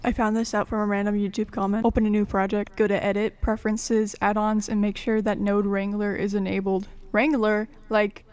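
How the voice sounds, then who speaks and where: A woman with a lisp, slushy sh for s, narrating a step-by-step software tutorial in an echoey room. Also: mid-range voice, level tone, brisk, hardly any pauses, smooth. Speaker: tutorial presenter. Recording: echoey room, faint jingling behind.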